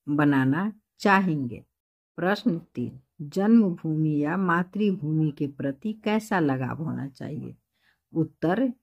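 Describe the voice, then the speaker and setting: A woman teacher reading out textbook questions and dictating the answers slowly and carefully. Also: low voice, darkish tone, slightly rough. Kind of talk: explaining textbook answers to a class.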